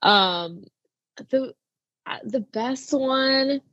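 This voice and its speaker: A woman's voice: high voice, extremely slow, a bit bright, no room sound, muffled recording. A young woman wrestler talking casually in an interview, with lots of "like" fillers. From Arizona. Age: young adult. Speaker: wrestler guest.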